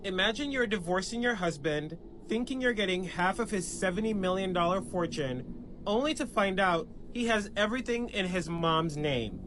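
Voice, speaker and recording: A man tells a gossip story briskly in a short-video style. His voice is fairly high for a man. Clear background noise sits behind him. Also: lively intonation.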